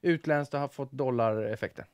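A man's voice: mid-range voice, a little mellow, clean tone, dry recording. A Swedish man co-hosting a stock market show in casual studio chat, joking and often repeating words as he starts a sentence. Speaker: co-host of an investing show.

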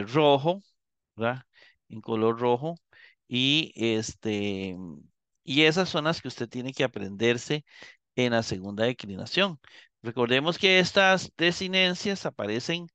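A man teaching a live Greek class, explaining slowly and checking in with his students as he goes. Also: mid-range voice, bright, forceful tone, clear, resonant tone, no echo. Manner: slow, explanatory, repeats and checks with "¿verdad?".

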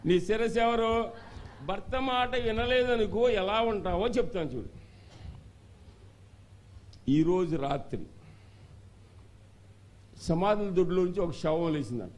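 A bishop preaching a sermon to a congregation, quizzing them and calling out for answers, rising to shouts at the peaks. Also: male voice, high-pitched, slow pace, long pauses, slight background noise. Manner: animated call-and-response, questioning the congregation; shouts at climaxes.

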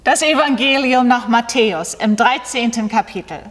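A middle-aged woman pastor leading liturgical prayers and readings in a slow, measured delivery. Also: on the high side, noisy background. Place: small brick-walled chapel, indoors. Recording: long reverb in a chapel.

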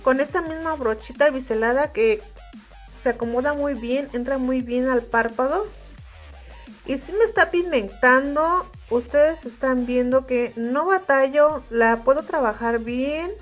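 A woman with a Mexican Spanish accent giving a calm, step-by-step makeup tutorial as she reviews an eyeshadow palette. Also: high-pitched, a little slow, soft background music.

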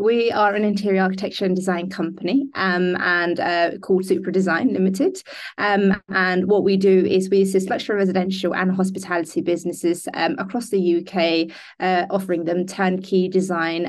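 A young Danish-born woman who founded a business answers interview questions over a video call from an indoor room, hesitating often with ums and restarts. Her mid-range voice stays fairly even in intonation at a moderate pace, captured by a laptop webcam.

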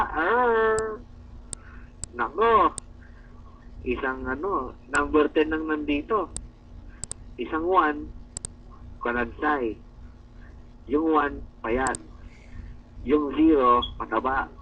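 Growling "arr" over and over to mock his coworkers, a man from the Philippines laughs often through the teasing. His pitch is fairly high. The clip comes from an indoor room on a distant, dull lo-fi recording with slight background noise.

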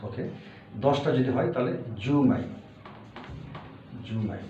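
A man's voice: mid-range voice, measured pace, a little mellow, faint music behind. A man teaching a language lesson, patiently repeating each word and explaining step by step. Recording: roomy, distant, dull lo-fi audio with faint hiss.

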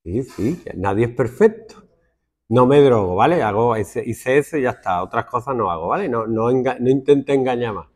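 He's a male secondary school teacher with a Spanish accent from Spain, speaking at normal speed in a mid-range voice. Lecturing energetically, he parodies his students' complaints with mocking voices.

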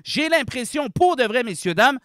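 A gaming commentator with a Québécois accent, ranting in a comedic video, exaggerated and slangy, swinging between mock sweetness and outrage while addressing viewers as ladies and gentlemen. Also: high-pitched, expressive, normal speed, no room sound. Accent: Québécois French.

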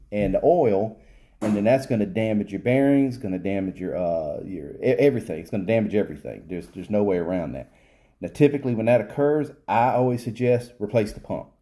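A fairly low, mellow-voiced man explains a pump repair from his workshop, speaking off camera from behind the bench. He's a repair technician giving a casual hands-on demo, talking loosely and plainly with fillers and restarts.

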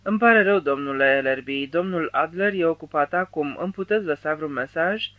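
A male narrator voicing a calm, polite female secretary in an audiobook. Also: a little high, no room sound, muffled recording, close to an everyday voice.

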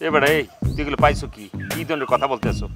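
A man's voice: medium pitch, racing, vocal fry, music in the background, close to an everyday voice. An actor playing a quarrelsome, taunting village young man in a comedy TV drama.

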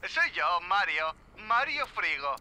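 A man's voice: high voice, big pitch swings, slow, sharp tone, heavily acted, rough recording. An actor playing an eager, friendly young man who calls in over a radio intercom, insisting and signing off like a radio operator. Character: eager, chatty young male friend calling in. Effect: radio intercom transmission. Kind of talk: video game dialogue.

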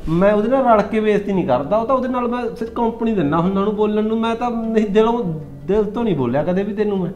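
A man's voice: high-pitched, animated, racing, hardly any pauses, a little mellow. A young man playing a joking husband who wheedles and pleads to win over his sulking wife. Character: coaxing young village husband. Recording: echoey, slightly muffled.

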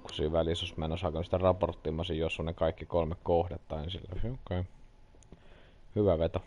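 Low-voiced Finnish man commentating casually. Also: level tone, racing, warm tone. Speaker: game streamer. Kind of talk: casual live game commentary.

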